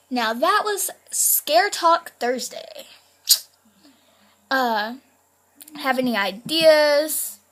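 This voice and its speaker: A woman's voice: fairly high pitch, fairly bright tone. A woman YouTuber telling a spooky story in a casual, chatty way, full of fillers like "like" and "kinda".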